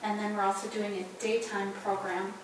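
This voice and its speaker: Woman reading out upcoming events at a meeting, flat and halting, picked up far off in a very echoey noisy room. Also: mid-range voice. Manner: halting, many fillers. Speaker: program coordinator reporting to a board. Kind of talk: meeting report.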